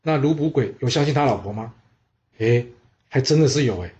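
A man's voice: medium pitch, lively intonation, brisk, a little mellow, muffled recording. A man telling a history story in a chatty, casual way with rhetorical asides.

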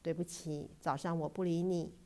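A woman's voice: fairly low pitch, steady tone, normal speed, darkish tone, close to an everyday voice. A woman doing a stern caring father. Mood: gentle.

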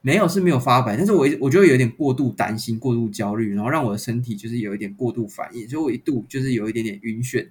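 Fast-talking man telling a story. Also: medium pitch. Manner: animated, exasperated retelling with frequent laughs. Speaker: podcast host. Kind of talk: casual storytelling chat.

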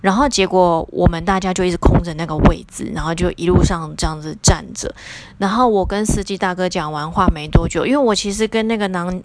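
A woman with a Taiwanese Mandarin accent, a lawyer hosting her own podcast, telling a personal story in a casual, chatty way. Her voice climbs sharply whenever she relives an indignant moment. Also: fairly low pitch.

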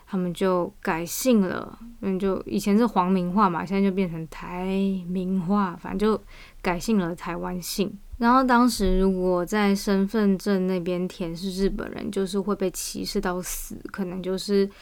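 A woman's voice: mid-range voice, fairly even intonation, moderate pace. A woman with a Taiwanese Mandarin accent hosting a casual personal podcast monologue, her voice weak and under the weather. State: weak voice from vaccine side effects. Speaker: podcast host.

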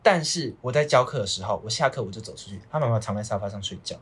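A man's voice: lowish voice, lively intonation, racing, a bit bright, husky. A young man with a Taiwanese Mandarin accent, a podcast guest telling rambling anecdotes in casual chat.

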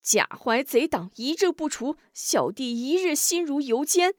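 A woman's voice: sits high, big pitch swings, measured pace, a little mellow, no room sound, studio quality, pitched above the performer's own voice. A woman reading the lines of an earnest young male swordsman in a martial-arts audiobook, in an emphatic, raised delivery. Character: young male hero, earnest sworn brother.

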